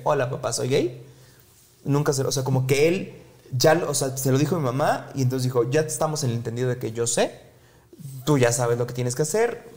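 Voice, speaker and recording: A man with a Mexican Spanish accent, a guest in an interview, telling a personal story in a lively way and acting out his family's dialogue. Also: fairly high pitch, creaky.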